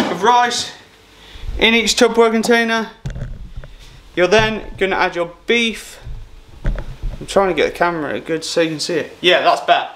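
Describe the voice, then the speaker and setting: A man's voice: sits high, fairly bright tone. A young man in his twenties vlogging casually as he does meal prep in a small home kitchen, talking to camera in an upbeat, chatty way. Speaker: fitness vlogger. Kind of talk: casual how-to vlog. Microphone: camera mic from across the room. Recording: echoey kitchen with clear background noise.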